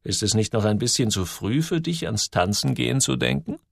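A man voicing an easygoing father, speaking low and relaxed. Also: brisk, vocal fry, no echo, studio quality. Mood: wondering. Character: warm easygoing father Samuel.

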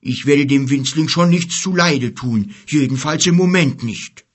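Bear, male, rude and grumbling, voiced by a man, loud and husky. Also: a little high, measured pace, pitched above the performer's own voice.

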